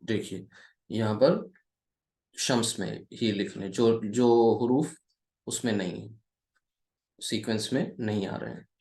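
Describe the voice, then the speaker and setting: A man's voice: lowish voice, darkish tone, echoey room. A man teaching an Arabic grammar lesson in a patient classroom manner. He asks the viewer questions and answers them himself. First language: Urdu or Hindi speaker teaching Arabic. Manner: deliberate, slow delivery with many repeated checks of "okay". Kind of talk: classroom-style lesson, explaining at a board.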